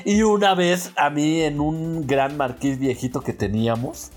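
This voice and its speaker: A man with a Mexican accent, co-hosting a casual podcast, relaxed and slangy and often chuckling as he talks. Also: on the high side, unhurried, faint music behind. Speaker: podcast co-host.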